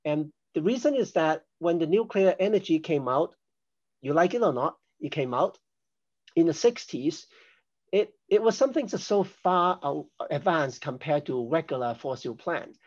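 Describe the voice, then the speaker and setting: A man's voice: a little high, expressive, normal speed, a little mellow. Older guy from hong kong chatting away, explains things patiently, bit lo-fi sound. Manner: chatty and explanatory, self-deprecating with laughs. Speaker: podcast guest, risk assessment expert. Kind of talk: conversational interview.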